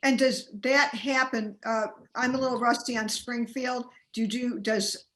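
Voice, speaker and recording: A woman interviewer putting questions in a live panel interview, halting and often restarting mid-sentence. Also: fairly high pitch, fairly even intonation, fairly bright tone. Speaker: interviewer, journalist.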